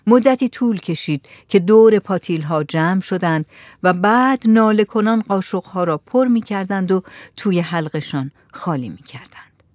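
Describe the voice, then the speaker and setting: A woman's voice: medium pitch, lively intonation, a little mellow, no echo. Woman reading a story, dry close sound. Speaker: narrator. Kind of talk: storybook narration.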